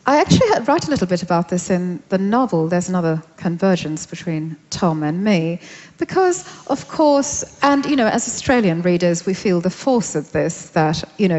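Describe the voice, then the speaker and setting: A Sri Lankan novelist answers questions as the interviewee in an onstage conversation at a large festival hall, sounding reflective and hesitant with many fillers. Her fairly low, darkish voice has lively intonation and a moderate pace. The recording has hall reverb and a dull, lo-fi sound.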